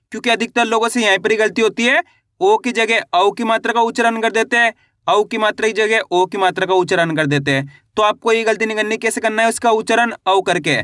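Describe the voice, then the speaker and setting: A man teaching Hindi reading, spelling out syllables slowly and asking questions he answers himself in a lower voice. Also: sharp tone, no echo, studio quality. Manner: asks questions and answers them himself in a low drawn-out voice. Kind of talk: classroom-style lesson.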